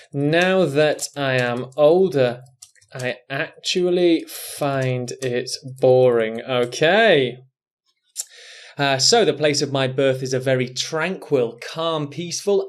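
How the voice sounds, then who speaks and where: A man teaching an exam speaking lesson, thinking aloud as he writes out model answers. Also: mid-range voice. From England. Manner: slow, deliberate, thinking aloud while writing. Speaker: English test teacher. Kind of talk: recorded online lesson.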